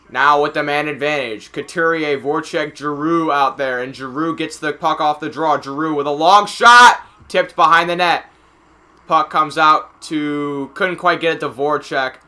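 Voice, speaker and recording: A man calling a hockey game casually, play by play, getting excited on big plays and chatting in asides with filler words. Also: fairly high pitch. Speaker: amateur play-by-play commentator. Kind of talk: casual live game commentary.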